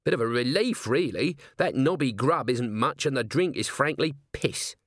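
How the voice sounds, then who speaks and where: A man's voice: mid-range voice, animated, moderate pace, no echo, natural voice. Guy doing a scruffy grumbly watchman, coarse and muttery, dry close read. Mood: grumbling.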